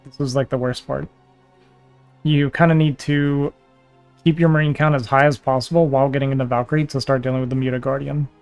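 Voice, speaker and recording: A man's voice: medium pitch, clear, resonant tone, faint music behind. A man streaming live and coaching viewers in casual chat, his voice wearing thin. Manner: relaxed, explanatory, drawn-out pauses. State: voice going hoarse.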